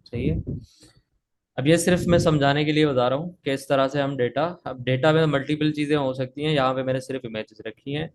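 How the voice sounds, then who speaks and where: A man's voice: mid-range voice, fairly even intonation, moderate pace, slight background noise. A man teaching coding live over a video call, with a sore throat that makes him cough, often checking in with "theek hai". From Pakistan. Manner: talks while typing, frequent "theek hai" checks. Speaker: coding instructor.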